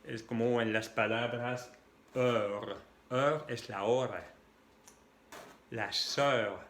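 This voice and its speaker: French-accented male tutor, unhurried, roomy echo. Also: medium pitch, steady tone, fairly bright tone. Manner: spells out letters and repeats sounds patiently. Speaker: French teacher. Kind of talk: slow language lesson.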